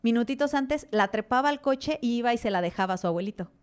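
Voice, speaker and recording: A woman's voice: on the high side, lively intonation, quick pace, darkish tone, clear, resonant tone. A Mexican woman, a mother and podcast guest, telling her story animatedly, acting out dialogue with many fillers. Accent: Mexican Spanish. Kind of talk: interview conversation.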